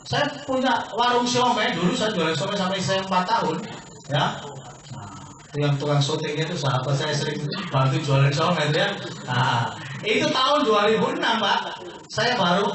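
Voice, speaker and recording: A man's voice: high voice, fairly bright tone, slight background noise. A man giving a persuasive sales seminar talk, questioning the audience and answering himself. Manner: keeps addressing listeners as "Pak". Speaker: business opportunity presenter. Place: meeting hall with an audience. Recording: very echoey hall, picked up from far off.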